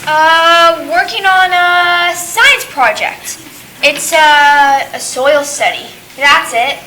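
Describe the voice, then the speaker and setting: A slow, sneaky schoolgirl. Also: high voice, pushed and bright, full character voice. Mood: evasive. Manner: drawling, evasive and fibbing. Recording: echoey room with noise.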